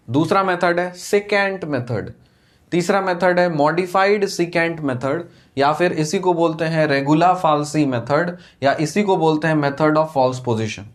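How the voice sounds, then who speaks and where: A man teaching exam-prep mathematics in a lecture, explaining step by step and asking and answering his own questions. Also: on the high side. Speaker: math teacher.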